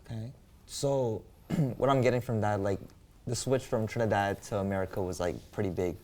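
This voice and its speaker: A man's voice: on the low side, fairly even intonation, normal speed, darkish tone. A young man, a student interviewer, asking casual, hesitant questions and filling gaps with "like". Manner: loose, hesitant, fills with "like".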